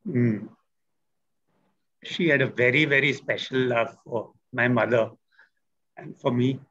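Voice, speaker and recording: A man speaking at a memorial, choked with emotion, halting and stammering as he speaks. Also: mid-range voice, fairly bright tone, lo-fi sound, slight background noise.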